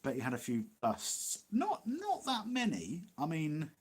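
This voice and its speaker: His pitch is fairly high and swoops wildly, his pace a little slow and his voice breathy at the edge. This East Midlands English-accented livestream host from Nottinghamshire fields questions in a casual live Q&A, rambling, chatting, and laughing often.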